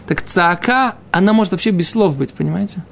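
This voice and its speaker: A man's voice: sits high, animated, brisk, gravelly, slight background noise. A man teaching an informal religious text class, reading and explaining in fragments with frequent checking questions.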